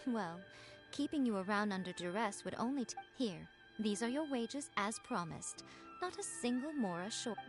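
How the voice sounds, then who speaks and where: A woman's voice: a little high, lively intonation, moderate pace. A woman playing a sly, elegant shrine priestess in an anime game, theatrically polite and teasing. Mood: slyly teasing. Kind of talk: scripted anime game character acting. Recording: background music under the voice.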